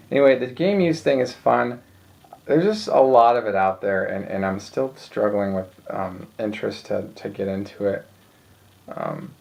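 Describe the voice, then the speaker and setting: A man with a low, gravelly voice talks through his card collection in a loose, rambling way. He sounds tired at a late hour, full of ums and restarts. The recording is dull and lo-fi. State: tired, yawning late at night. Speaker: sports card collector showing his cards. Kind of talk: casual solo video.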